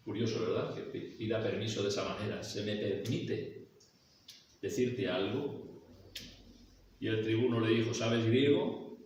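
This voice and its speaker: Preacher echoing in a church hall. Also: male voice, lowish voice. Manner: reads scripture then explains it with rhetorical questions. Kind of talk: expository sermon. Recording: echoey hall, mic far off, faint background noise.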